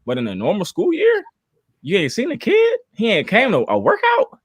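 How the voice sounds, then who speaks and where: A man co-hosting a basketball podcast in casual chat, teasing and lively, often restarting his sentences. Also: high-pitched, moderate pace, breathy edge, no room sound. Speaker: podcast co-host.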